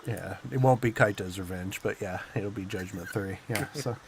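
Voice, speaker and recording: A man's voice: on the low side, normal speed, slight background noise. Laid-back male podcast host. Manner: easygoing, laughs often, short agreeing replies. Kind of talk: casual gaming chat.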